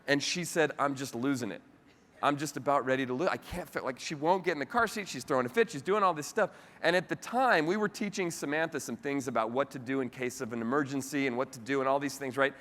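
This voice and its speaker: A man giving a motivational keynote speech to a convention audience and telling a family story with animated energy. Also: medium pitch. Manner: animated storytelling with the audience, voice rising sharply when telling a funny part. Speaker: keynote speaker. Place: large convention hall. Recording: live hall recording with long reverb.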